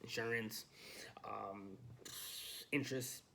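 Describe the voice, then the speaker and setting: Filming a morning vlog handheld on his phone from his home study, a young realtor speaks slowly in a fairly low, steady voice that's creaky, pushed and bright. There's a little hiss or hum, and his talk is casual, upbeat and chatty, loaded with fillers.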